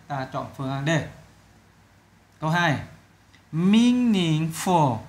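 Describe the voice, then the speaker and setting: A man's voice: fairly high pitch, a bit bright. Chatty Vietnamese-accented male teacher. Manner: chatty, many fillers, stretches words slowly to model stress. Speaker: English teacher. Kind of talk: casual exam walkthrough lesson.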